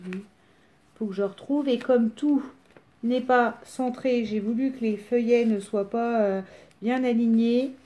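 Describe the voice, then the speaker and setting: A woman with a smoker's rasp chatting casually through a craft demonstration in a rambling, self-deprecating way. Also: fairly high pitch, measured pace, warm tone. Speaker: craft tutorial presenter.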